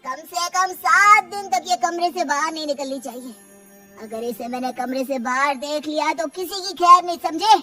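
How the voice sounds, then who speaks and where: A woman's voice: sits high, moderate pace, pushed and bright, soft background music, pitched above the performer's own voice. A woman voicing a stern, angry middle-aged uncle-in-law who scolds harshly. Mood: scolding.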